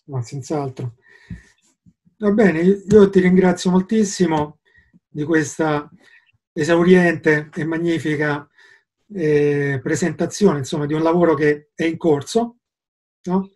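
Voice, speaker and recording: A man with a fairly high voice hosts an interview over a video call. He speaks courteously, with polite thanks. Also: slow pace, long pauses, darkish tone. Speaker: festival host and interviewer.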